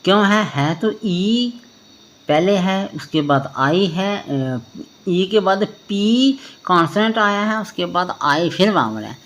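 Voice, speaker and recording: A man teaching a pronunciation lesson, spelling words out letter by letter and often checking whether it is clear. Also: high voice, lively intonation, slow, fairly bright tone. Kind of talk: spoken classroom lesson.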